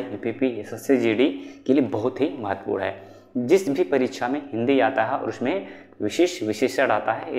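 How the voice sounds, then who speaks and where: Man drilling Hindi grammar questions. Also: medium pitch. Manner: repeats answers with "what will it be?" drills. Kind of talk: online exam-prep lesson.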